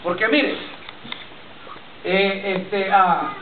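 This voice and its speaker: Man preaching in a roomy church, high pitched, lo-fi phone-like sound, pretty far from the mic. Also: steady tone, very slow, noisy background. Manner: repetitive, addresses listeners as brother. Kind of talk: sermon with personal testimony. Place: church congregation. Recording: tinny lo-fi church recording from far off. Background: congregation responses.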